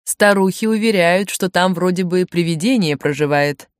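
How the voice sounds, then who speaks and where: A woman's voice: lowish voice, moderate pace, no echo, clean studio sound, close to an everyday voice. A woman voicing an amused, knowing grown man in a storybook reading, with a wry, explaining tone.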